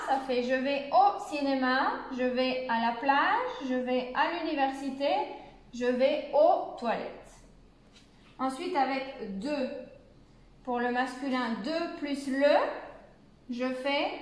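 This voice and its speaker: A woman from France, a university French teacher, giving a beginner lesson and slowly enunciating example phrases. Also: high-pitched. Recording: very echoey room.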